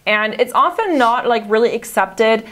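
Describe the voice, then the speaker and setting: A woman's voice: fairly high pitch, animated, measured pace, fairly bright tone. A woman talking casually to camera in a vlog, chatty with frequent fillers and mild complaints. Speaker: vlogger in the reacted video.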